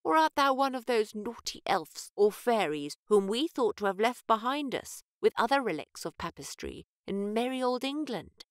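A woman's voice: a little high, very animated, moderate pace, hardly any pauses, dry recording, clean studio sound, pitched above the performer's own voice. A woman voicing an old, grandfatherly male Puritan minister who speaks in solemn, archaic questions. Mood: questioning.

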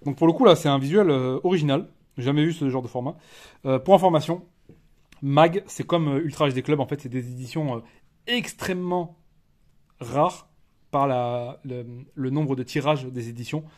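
A French-accented man talks through an unboxing in a loose, casual way. He stops and restarts often and fills the gaps with hesitations. His voice sits at an ordinary middle pitch for a man. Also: moderate pace, a little mellow. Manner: chatty, hesitant, many fillers and restarts. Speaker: collector reviewing a disc edition.

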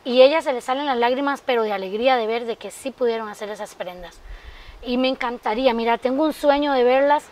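A woman guest on a TV interview with a very high voice. As a sewing workshop teacher, she speaks in a heartfelt, emphatic way and often calls the host by name. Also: quick pace, a little mellow. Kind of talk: interview answers.

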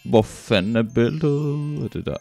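A young man with a Danish accent, commentating a speedrun live, excitable and joking with frequent swearing. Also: mid-range voice, vocal fry, soft background music. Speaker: streamer.

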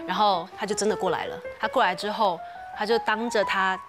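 A woman's voice: mid-range voice, steady tone, fairly quick. A woman from Taiwan, a guest telling a personal story vividly on a TV variety show. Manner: vivid storytelling, acting out quoted voices. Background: background music.

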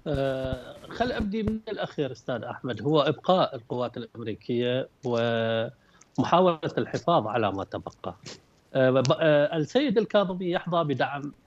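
A man analyzing politics as a talk-show guest, measured, with frequent hesitant fillers. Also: mid-range voice, sing-song. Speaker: international relations researcher guest. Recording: dull dry remote link.

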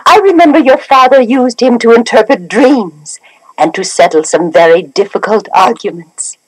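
An actress playing a calm, wise queen mother on a storybook record, speaking in a soothing, reassuring way. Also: a little high, normal speed, lightly acted, low-quality recording. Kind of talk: 1970s storybook record drama.

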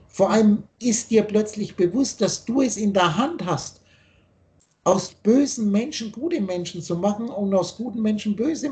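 A man's voice: sits high, a little mellow. A man teaching on a video call, lecturing insistently and spelling out letters as he explains. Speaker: spiritual teacher.

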